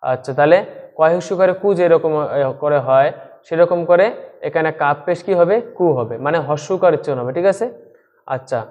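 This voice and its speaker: A man teaching a Quran reading lesson online, explaining step by step and checking in with frequent questions, sounding out syllables slowly. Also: fairly high pitch, a little mellow, long reverb tail, lo-fi sound. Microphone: screen-share recording with voice-over.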